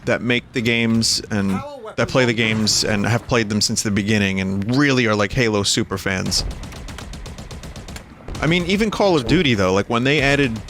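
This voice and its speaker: While streaming a game, a man chats casually in a wry, rambling manner, with game gunfire audible behind him. His voice is lowish and fairly bright, at a normal speed.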